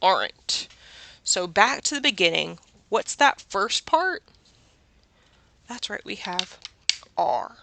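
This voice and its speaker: Southern woman teacher, unhurried and patient, quizzing kids on words, bright tone. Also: medium pitch, sing-song, gravelly, slight background noise. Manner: slow, patient, asks questions and answers them. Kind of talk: children's literacy lesson.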